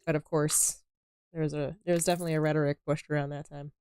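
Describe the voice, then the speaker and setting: A woman's voice: deep voice, level tone, quick pace, a little mellow, smooth. A woman co-hosting a gaming stream in casual chat, quizzical and playfully skeptical. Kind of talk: casual chat while playing.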